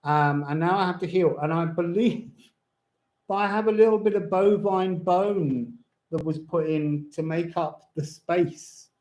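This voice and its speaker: A man's voice: high voice, a little slow, a little mellow, low-quality recording. A man chatting casually on a live stream as a rambling, whimsical tarot reader, his words slightly slurred with lips over toothless gums. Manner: rambling, whimsical, breaks into bits of song. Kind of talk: casual live chat with tarot and astrology reading. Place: indoors at home.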